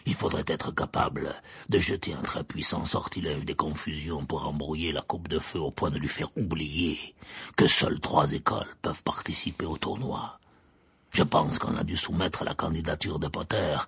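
A man voicing a gruff, menacing old male wizard in an audiobook, speaking in a slow, calm growl. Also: rumbling low, dry recording, pitched below the performer's own voice, heavily acted. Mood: growling menace. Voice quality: growling, gravelly. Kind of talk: audiobook character voice.

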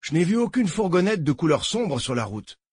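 A man's voice: on the high side, sing-song, a little fast, breathy edge, no echo, clean studio sound, voice pushed up. A man voicing an easygoing male helicopter pilot talking matter-of-factly.

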